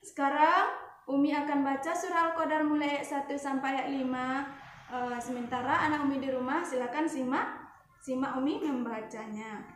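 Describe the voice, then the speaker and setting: A woman teacher giving an online lesson to children. She talks in a motherly way, with many fillers and self-corrections, and chants Quran verses slowly. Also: sits high, steady tone, a bit bright, reverberant, a little hiss or hum. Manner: motherly, addresses the children as "Nak".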